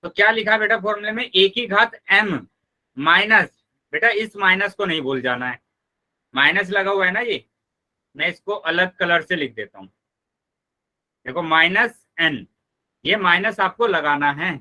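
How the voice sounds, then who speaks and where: A male math teacher leading a live online class, patiently explaining steps and repeating them, addressing students warmly as children. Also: sits high, measured pace, long pauses.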